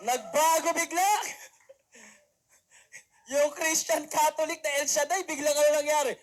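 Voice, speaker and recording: A young man with an unusually high voice speaks from an event stage to a live audience. He works as a mentor and motivational speaker, and he tells his stories with animated energy. He acts out the people he quotes and keeps checking in with the crowd through rhetorical questions. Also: a little slow. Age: young adult. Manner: animated storytelling, acting out quotes; peppers lines with rhetorical "di ba?".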